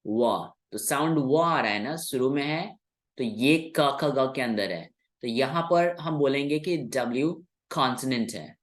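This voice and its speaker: A man's voice: medium pitch, lively intonation. Patient Hindi-speaking male English teacher. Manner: patient, repeats key words slowly. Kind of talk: classroom explanation.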